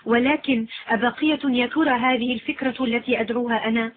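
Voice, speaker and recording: A woman's voice: on the high side, lightly acted. A woman voicing an earnest young man who asks doubting, searching questions. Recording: lo-fi phone-like sound.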